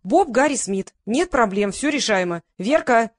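A woman voicing a brash young female TV producer who barks loud, rapid orders. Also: fairly high pitch, expressive, no room sound, studio quality. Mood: bossy.

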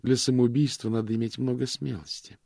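Man voicing a cold cutting woman, mocking, slightly raised pitch, gravelly, dry sound. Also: flat delivery, brisk, mellow, no echo.

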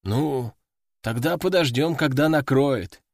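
A man voicing a cheeky young male demonologist hero, cocky and deadpan. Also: medium pitch, slow, creaky, no echo, studio quality. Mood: calm.

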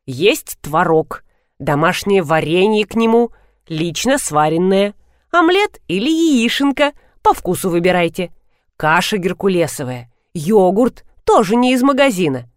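Woman voicing a bustling old aunt, fussy, hospitable, animated pitch, dry sound. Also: unhurried, no echo. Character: bustling older aunt, proud homemaker.

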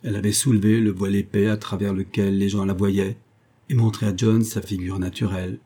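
A man narrating an audiobook of a classic novel in a measured, even reading. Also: fairly low pitch. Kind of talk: scripted literary narration.

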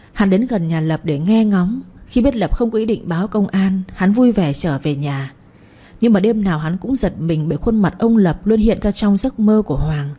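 Woman, audiobook narration, steady, husky. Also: mid-range voice. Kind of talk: scripted story narration.

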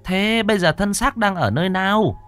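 A man voicing a stern female spirit medium who speaks in solemn, measured pronouncements. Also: high-pitched, animated, a bit bright, clean tone, soft background music, voice pushed up.

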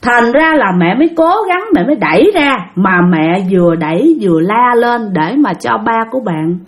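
Young woman w/ telling a spooky story, chatty, talks right to the listeners, lively up-and-down voice, a bit high. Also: moderate pace. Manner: chatty, addresses listeners directly. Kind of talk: ghost story narration.

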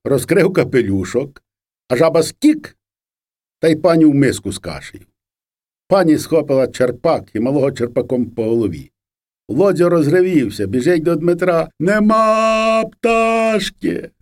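A man reading a folk memoir aloud in an unhurried, storytelling way. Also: medium pitch, expressive, warm tone. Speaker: reader. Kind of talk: storybook narration of a first-person memoir.

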